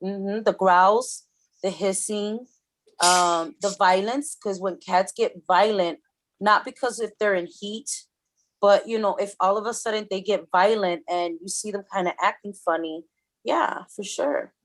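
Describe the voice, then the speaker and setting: Woman, casual spiritual chat, emphatic, repeats phrases, mid pitch. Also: measured pace, no echo. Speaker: spiritual show co-host. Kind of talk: casual chat, live reading session.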